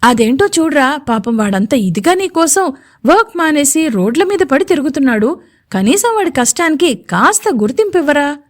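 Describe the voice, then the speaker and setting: A woman's voice: sits high, sing-song, moderate pace, voice pushed up. A woman voicing a joking young male friend in an audio story, chuckling and pleading by turns. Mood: teasing.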